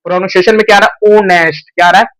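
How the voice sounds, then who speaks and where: High-voiced man teaching grammar. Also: little pitch movement, very fast, a bit bright, rough recording. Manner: repeats questions to the class and answers them himself. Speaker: English teacher. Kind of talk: whiteboard grammar lesson.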